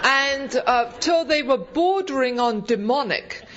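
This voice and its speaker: A woman's voice: high-pitched, expressive, unhurried, a crowd in the background. An English-accented woman giving a humorous personal talk to an audience at a convention, wry, hesitant and self-deprecating. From England. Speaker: guest convention speaker. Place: convention meeting room, speaking to an audience. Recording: dull, lo-fi live event recording.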